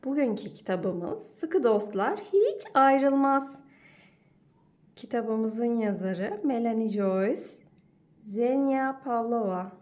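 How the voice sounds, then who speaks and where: A woman teacher reading a children's storybook aloud in an expressive, animated way. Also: fairly high pitch, slow.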